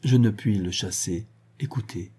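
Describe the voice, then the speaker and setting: A man's voice: fairly low pitch, a little slow, warm tone, breathy edge. A man reading the part of an anxious, pleading young woman in an audiobook. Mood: fearful. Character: young woman seeking her lost son.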